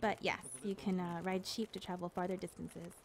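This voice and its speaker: A woman's voice: lowish voice, fairly even intonation, normal speed, a crowd in the background. Woman giving casual game walkthrough commentary. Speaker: English dub narrator speaking a game director's commentary.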